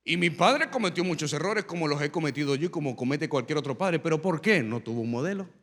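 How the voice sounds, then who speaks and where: Man, pastor, sermon, high voice, reverberant hall. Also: expressive, fast. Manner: storytelling, rising to loud emphatic preaching. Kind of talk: sermon with personal testimony.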